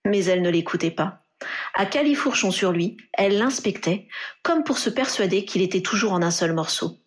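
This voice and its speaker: A woman reading a fan fiction story aloud in a steady narrating voice. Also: mid-range voice, normal speed. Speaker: reader.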